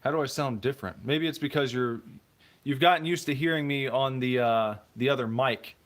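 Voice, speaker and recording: A man of medium pitch, talking at normal speed, hosts a relaxed live stream from home into a phone mounted on a tripod. He chats casually while building, rambling comfortably and reading viewer messages out loud.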